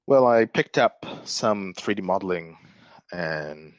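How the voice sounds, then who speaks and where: This podcast guest, a Malaysian software developer, has a low, expressive voice and a slow pace, heard in lo-fi sound with no echo. Chatting casually in an interview, he explains things thoughtfully and keeps restarting his sentences.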